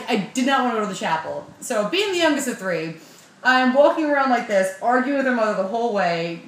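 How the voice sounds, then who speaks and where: Profane, animated young woman telling a story. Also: mid-range voice, slight background noise. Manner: animated, profane, self-mocking. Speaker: vlogger. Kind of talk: casual storytelling. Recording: roomy with faint ambience.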